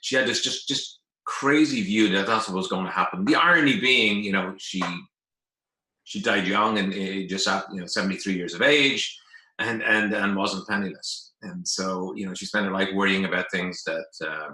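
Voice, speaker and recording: Here a man from Ireland, aged in his fifties, shares his life story as a guest in a relaxed interview. He speaks at a moderate pace in a low voice that sounds pushed and bright. The audio carries a roomy echo.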